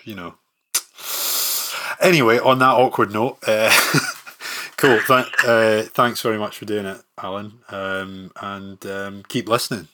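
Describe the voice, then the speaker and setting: Bright-voiced male podcast host. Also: on the low side, slow. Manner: relaxed, rambling with many fillers. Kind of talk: casual podcast chat.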